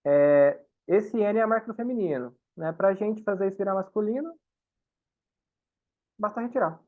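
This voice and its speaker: A man's voice: high-pitched, normal speed, narrow, tinny audio. Patient man teaching German. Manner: patient, explains with frequent checks to the class. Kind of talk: online class explanation.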